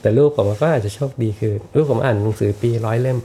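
A middle-aged man talking as a podcast guest in a reflective, unhurried way, often restarting and repeating words. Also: mid-range voice, dark tone, slight background noise. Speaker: podcast guest, architect and teacher. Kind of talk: casual podcast conversation.

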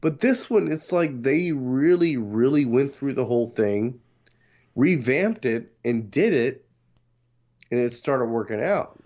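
A man's voice: mid-range voice, animated, unhurried, a little mellow, dull audio. A man co-hosting a podcast, chatting casually with slang and swearing, acting out reactions. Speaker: podcast co-host. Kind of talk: casual chat.

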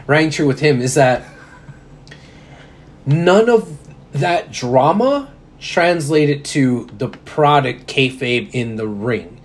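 A man's voice: fairly high pitch, animated, slow pace. A man co-hosting a casual wrestling chat, rambling with restarts and frequent laughs. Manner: rambling, self-interrupting, laughs often. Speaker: podcast co-host.

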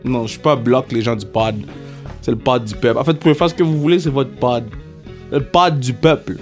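A young man with a Quebec French accent hosts a casual podcast, hyped and playful, sprinkling English slang into his French. His mid-range voice moves fairly quickly over soft background music.

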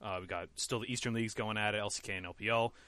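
A man's voice: on the low side, steady tone, racing, bright, forceful tone, dry recording. A man hosting a casual esports podcast, talking loosely and correcting himself as he goes. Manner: loose, rambling, self-correcting. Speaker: podcast host.

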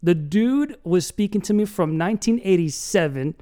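A man's voice: sits high, animated, moderate pace, dark tone. A man hosting a podcast, chatting casually with an upbeat, joking, storytelling manner. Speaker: podcast host. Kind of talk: casual interview conversation.

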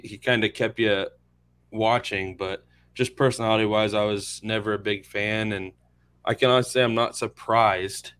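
American guy, 30s, talking sports casually, crisp clean voice. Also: lowish voice, a bit bright. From central Florida, USA. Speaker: sports podcast panelist.

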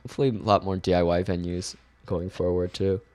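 A young man, a guest on a casual podcast chat, laid-back and joking, often trailing off quietly. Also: deep voice, little pitch movement, a little fast, dry recording.

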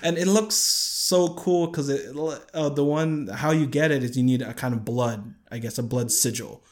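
A man co-hosting a podcast, chatting casually about a video game, excitable and quick to laugh, jumping into animated outbursts. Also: mid-range voice. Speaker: podcast co-host. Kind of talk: casual game review chat.

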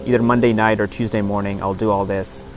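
Man, lowish voice, casual podcast host, halting step-by-step explanation, lapel mic in an open field, outdoor background noise. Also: little pitch movement. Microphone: lapel lavalier into a phone. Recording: outdoor park recording with clear background noise.

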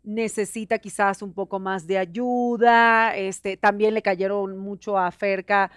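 A woman who is a podcast guest, explaining what people outside the show thought, in relaxed chat with many fillers. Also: mid-range voice, unhurried, clear, resonant tone, no echo, clean studio sound. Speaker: reality show contestant guest. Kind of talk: casual chat.

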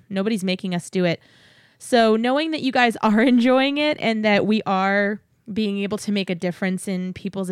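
A woman's voice: medium pitch, clear, resonant tone, no room sound, clean studio sound. A woman hosting a podcast, giving listeners a chatty update in a cheery, enthusiastic way. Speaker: podcast host. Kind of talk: upbeat podcast announcement, chatty.

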